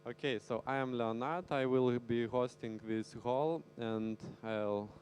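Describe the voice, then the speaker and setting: A man's voice: medium pitch, steady tone, measured pace, a little mellow, slight background noise. A man hosting a conference hall, introducing the next speaker in a friendly, hesitant way. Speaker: conference host. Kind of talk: stage announcement.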